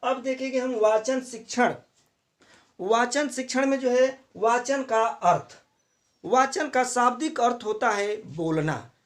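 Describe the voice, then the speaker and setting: A man's voice: extremely high pitch, a little slow, a bit bright. A man teaching a lesson to teacher trainees, explaining step by step, repeating key terms and using many fillers. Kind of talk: classroom lecture for teacher trainees.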